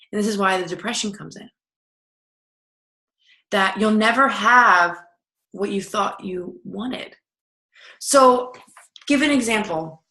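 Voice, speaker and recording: Woman coach, clear high-leaning voice, chatty delivery that acts out self-talk, roomy echo on the track. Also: a bit bright. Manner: conversational, repeats and acts out inner self-talk. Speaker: personal growth coach. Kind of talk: recorded video lesson. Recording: echoey room.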